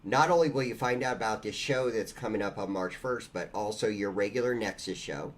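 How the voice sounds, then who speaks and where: A man's voice: lowish voice, a little fast. A man hosting a live call-in show, upbeat and laughing often. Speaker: host. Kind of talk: casual live call-in chat.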